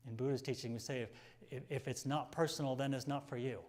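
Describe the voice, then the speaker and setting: Soft-spoken male minister giving a sermon. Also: mid-range voice, steady tone. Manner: soft and slow at tender lines, rising louder at emphatic ones; drops to a near whisper at quiet moments. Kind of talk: sermon with read passages.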